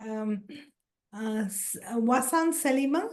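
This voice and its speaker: Woman running a video call workshop, kinda high voice, soft mellow tone, friendly. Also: expressive, slow pace. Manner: friendly, calls out names one by one. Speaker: workshop facilitator. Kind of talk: online class introduction.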